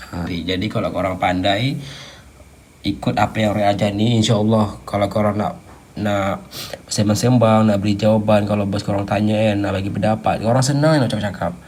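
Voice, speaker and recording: A man giving a casual spoken language lesson. He explains step by step, acts out example sentences, and fills his pauses with "ah". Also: on the low side, a little mellow, a little hiss or hum. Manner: chatty, with many filler "ah" sounds. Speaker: language teacher.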